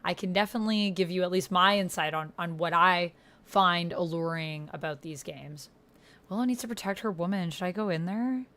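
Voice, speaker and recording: A woman with a fairly low but fairly bright voice talks a little fast while livestreaming a text roleplay game as a YouTuber from her computer indoors. Her style is casual and slangy, full of expressive reactions and thinking out loud.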